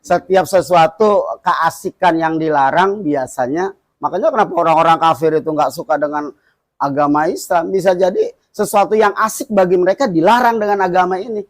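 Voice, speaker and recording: A male Islamic preacher from Indonesia talks through his teaching conversationally, with frequent laughter and long repeated lists. His voice sits high for a man. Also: brisk, no room sound.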